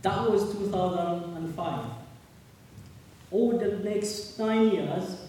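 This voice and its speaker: Man, 30s, earnest halting testimony, slightly high mellow voice, distant mic in an echoey hall. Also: a little hiss or hum. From Uganda. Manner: earnest, halting, repeats words. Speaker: speaker at a public meeting. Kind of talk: personal testimony.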